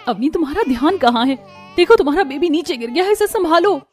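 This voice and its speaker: एक महिला एक कार्टून कहानी में एक दयालु, परवाह करने वाली युवा माँ की आवाज़ दे रही है, सच्चे और कोमल अंदाज़ में।. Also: female voice, high voice, expressive, quick pace. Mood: scolding. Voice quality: gentle, earnest. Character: kind caring young wife and mother. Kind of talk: Hindi cartoon voice acting. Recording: light music behind voice.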